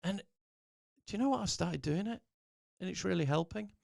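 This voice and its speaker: A man's voice: high-pitched, animated, quick pace, gravelly, darkish tone, no room sound, studio quality. A middle-aged man hosting a podcast, giving an earnest, encouraging motivational talk that rambles with restarts. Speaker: podcast host.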